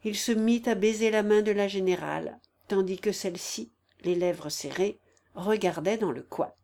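A woman reading a classic novel aloud as an audiobook narrator, in a measured storytelling manner. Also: medium pitch, gravelly, a little mellow. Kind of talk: scripted literary narration.

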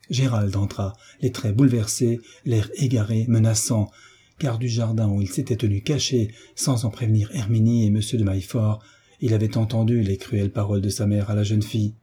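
A man narrating a classic novel in a measured, expressive reading. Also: on the low side, breathy edge.

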